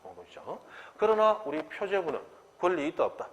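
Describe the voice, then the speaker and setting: Animated male law lecturer, reverberant hall. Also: high voice, a little fast. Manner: animated, acts out quoted dialogue, rhetorical questions. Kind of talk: exam-prep lecture.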